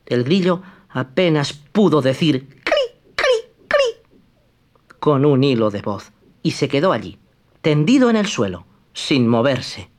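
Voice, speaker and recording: A narrator reading a fairy tale aloud with an expressive storytelling cadence. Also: mid-range voice, a little slow.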